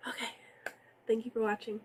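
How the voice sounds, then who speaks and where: A woman's voice: fairly high pitch, level tone, brisk, slight background noise, poor audio. Stuffy nasal woman w sniffles recapping a show, blunt n exasperated, just chatting to her viewers. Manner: outspoken, exasperated, talks straight to viewers. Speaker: TV recap host. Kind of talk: casual recap commentary.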